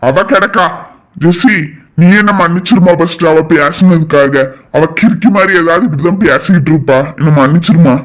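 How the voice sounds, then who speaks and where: A man's voice: a little high, normal speed, natural voice. A man voicing a stern elder brother and husband in a cartoon family drama, giving firm, scolding commands.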